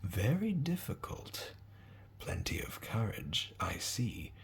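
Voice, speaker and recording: A man voicing an old, wise talking hat, in a slow, breathy whisper that muses over each word. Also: on the low side, sing-song, full character voice. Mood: musing. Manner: slow, musing, drawn out. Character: ancient magical talking hat, male, wise, probing.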